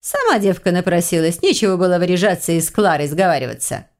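A woman's voice: fairly low pitch, lively intonation, fast talker. A woman voicing a sarcastic, gossipy lizard woman healer who hisses and mocks, in an audiobook. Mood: scornful. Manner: hissing, mocking, exclaiming.

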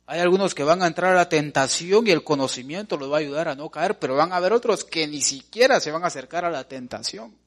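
Pastor, animated preaching that drops from loud to hushed, calling everyone brother. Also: male voice, fairly high pitch, fast, hardly any pauses. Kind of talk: sermon.

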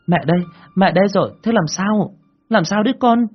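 A man voicing a frantic young mother who shouts shrill, panicked questions at her child. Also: fairly quick, breathy edge, soft background music. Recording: dull lo-fi recording.

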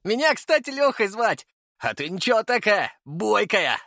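A man's voice: high-pitched, sing-song, moderate pace, gravelly, no echo, studio quality, voice pushed up, exaggerated voice. A man doing a rowdy, laughing young fighter. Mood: jovial. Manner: laughing, loud, jovial.

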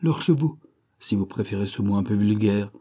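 A pompous middle-aged animal dealer holds forth in grand, declamatory sentences, savoring rare words, as a man reading a storybook puts him on. The voice is very dark and mellow, lifted a little higher than plain narration, with a lively rise and fall. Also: moderate pace. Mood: grandiloquent. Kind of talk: audiobook character reading.

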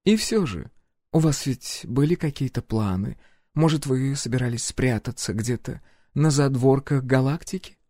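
A man's voice: mid-range voice, moderate pace, mellow, dry recording, clean studio sound, pitched above the performer's own voice, natural voice. A man voicing a proud, imperious middle-aged empress who presses her demands with cool politeness and insistent force. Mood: coolly insistent. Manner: insistent, commanding, coolly polite.

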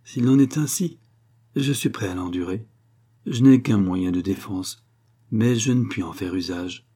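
A man voicing an embarrassed, earnest young gentleman who speaks in a restrained, uneasy way. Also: lowish voice, unhurried, husky.

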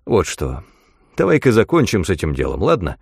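A man voicing an arrogant male linguist who speaks slowly, quietly and with threat. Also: sits low, wildly swooping pitch, gravelly, husky, dry recording, clean studio sound, heavily acted. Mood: menacing.

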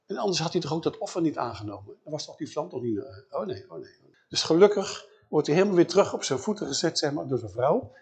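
A male preacher delivers a sermon, retelling scripture as a lively story. His voice sits a little high for a man and swings widely in pitch as he slips in and out of the quoted figures. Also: quick pace.

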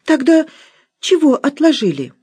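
A woman's voice: very animated, measured pace, mellow. A woman reader voicing a servile, tearful housekeeper who howls and pleads in old-fashioned speech. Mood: pleading. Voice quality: shrill, howling.

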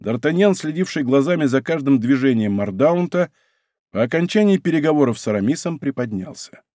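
A man narrates an adventure novel in a measured, dramatic way. His voice sits in a middle pitch, and the recording is dry and close. Nothing from the room is heard. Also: lively intonation, warm tone, no echo. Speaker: audiobook narrator. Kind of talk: scripted narration.

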